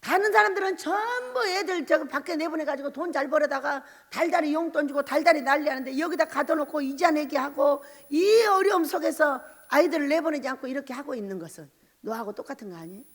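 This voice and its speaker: Woman pastor, middle-aged, high voice, emphatic sermon, long hall reverb. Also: fast. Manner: emphatic preaching, full of rhetorical questions. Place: church sanctuary at a mountain prayer retreat.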